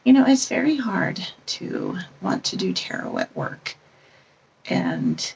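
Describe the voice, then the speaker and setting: A woman's voice: mid-range voice, huge pitch swings, slow pace, creaky, a little mellow, breathy edge, distant mic, rough recording. A woman chatting casually as a tarot vlogger, meandering and often correcting herself as she shows things off. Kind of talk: casual show-and-tell chat.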